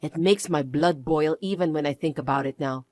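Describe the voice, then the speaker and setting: A reader voicing a middle-aged protective mother who speaks low, cold and firm in a scripted audio story. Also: moderate pace, a little mellow, no room sound, clean studio sound, natural voice.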